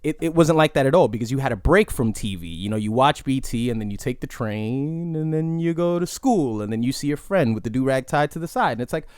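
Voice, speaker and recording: A man's voice: medium pitch, expressive, fairly quick, few pauses, clear, resonant tone, no room sound, studio quality. Rambling New man hosting a podcast. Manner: reflective and rambling, with many "you know" asides. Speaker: podcast host. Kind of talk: casual solo podcast monologue.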